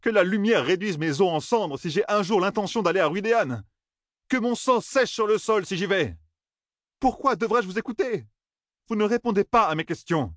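Hot-tempered young man, pitched high and shouting curses, put on by a male reader; dry, close sound. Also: lively intonation, normal speed, dry recording. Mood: indignant. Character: angry young man, cursing and defiant.

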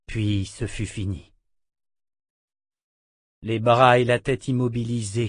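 A man narrating a dramatic fantasy novel as an audiobook, in a measured reading voice. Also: on the low side, no echo, studio quality.

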